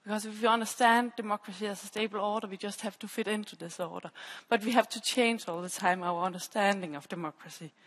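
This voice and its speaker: With a headset mic in a large, dark auditorium, a PhD researcher talks quickly at an academic conference, barely pausing as she explains and restates her phrases. Her voice is mid-range and steady. The recording carries the long reverb of an echoey hall.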